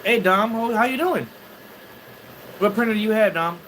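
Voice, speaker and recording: A man's voice: high voice, fairly bright tone, slight background noise, poor audio. Rambling man chatting on a livestream. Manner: rambling, halting, greets chat viewers. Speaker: 3D printing livestreamer. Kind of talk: casual livestream chat. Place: home studio.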